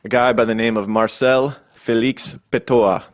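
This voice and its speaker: A man's voice: medium pitch, steady tone, moderate pace, no room sound, clean studio sound. A man co-hosting a podcast in casual chat, laid-back and joking, swearing freely. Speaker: podcast co-host.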